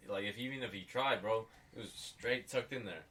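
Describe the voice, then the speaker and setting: Low-voiced frat-bro man, off mic. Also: normal speed, sharp tone, distant mic. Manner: frat-bro talk full of "bro", "dude" and swearing. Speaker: podcast co-host. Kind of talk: casual chat.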